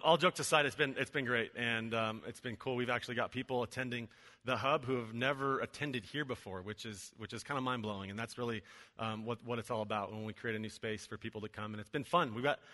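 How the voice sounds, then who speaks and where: Chatty and joking with lots of fillers, a preacher in his forties who also directs the venue delivers a casual sermon in a large church auditorium. He speaks at medium pitch in a bright, forceful tone, heard with long hall reverb.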